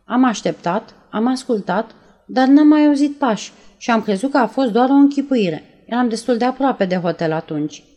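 A woman reading aloud and voicing a nervous young woman who retells events in a breathless, halting way. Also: on the high side, lively intonation, mellow, lightly acted. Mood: shaken. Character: nervous young woman, shaken after a shooting.

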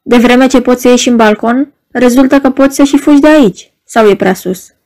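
A man's voice: very high voice, a little mellow. A woman reading an audiobook, voicing a young male poet who talks bluntly and sheepishly. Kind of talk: audiobook character voice.

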